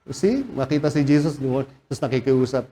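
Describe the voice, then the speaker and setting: A man preaching a sermon as pastor, animated, joking and shouting out rebukes. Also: medium pitch, fairly quick, slight background noise. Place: church sanctuary.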